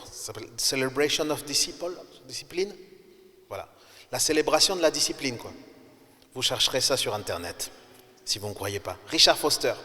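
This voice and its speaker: A man's voice: mid-range voice, fairly bright tone. Man preaching in an echoing church hall. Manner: emphatic, rising sharply on key words; conversational, addresses listeners directly. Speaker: pastor. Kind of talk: sermon.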